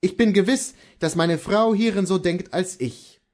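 A man voicing an earnest horse dealer in a classic story, speaking to his wife in a measured, gently persuasive way. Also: high voice, pitched above the performer's own voice. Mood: earnest resolve. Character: earnest horse dealer husband, steadfast and tender.

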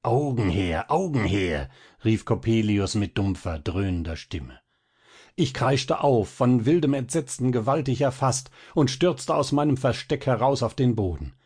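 A man narrating a literary tale as an audiobook, reading with expressive, dramatic pacing. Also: medium pitch, moderate pace, breathy edge.

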